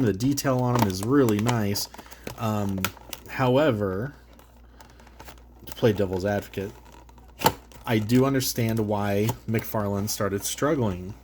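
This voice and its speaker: Over a noisy background, a medium-pitched man with a congested, cold-affected voice casually opens an action figure and reviews it. As the host of a toy review channel, he rambles, drops in plenty of fillers and often restarts to correct himself.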